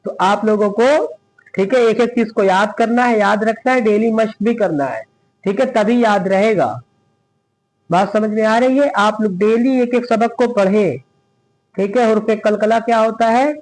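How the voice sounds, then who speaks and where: A man teaching Quran reading, slowly spelling out letter sounds and explaining patiently to his students. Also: high voice, poor audio. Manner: slow, drawn-out syllable spelling with repeated "theek hai" checks. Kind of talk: spelling-drill lesson.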